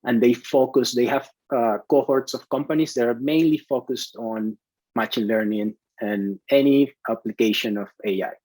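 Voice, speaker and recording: A man's voice: medium pitch, fairly even intonation, moderate pace, a little mellow, dry recording, low-quality recording. Venezuelan-born man, dry close voice. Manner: hesitant, many restarts and fillers. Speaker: CTO, interview guest. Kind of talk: conversational interview.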